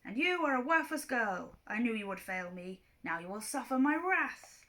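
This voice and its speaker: A woman's voice: a little high, sing-song, normal speed, a bit bright. A woman voicing a furious, towering male war god who bellows commands, read aloud from a storybook. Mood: bellowing.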